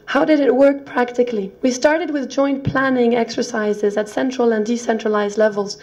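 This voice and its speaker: A woman with a hoarse, croaky voice that is giving out, presenting at a conference. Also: on the high side, steady tone, normal speed, a little mellow, dull audio. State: hoarse, croaky, losing her voice. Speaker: conference speaker, nutrition officer.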